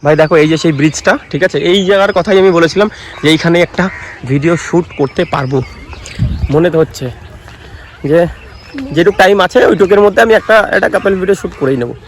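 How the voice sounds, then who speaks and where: Fast-talking young man vlogging outdoors. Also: on the high side, slight background noise. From West Bengal, India. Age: young adult. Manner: chatty, addresses viewers as brother, playful. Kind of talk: casual vlog narration. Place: outdoor park by a lake, street. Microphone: handheld phone.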